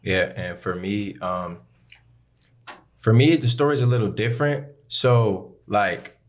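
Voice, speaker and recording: A man's voice: on the low side, slow pace. Slangy, candid American man chatting. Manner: slangy, candid, peppered with "bro" and "you know". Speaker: musician, rapper. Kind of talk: casual podcast-style chat.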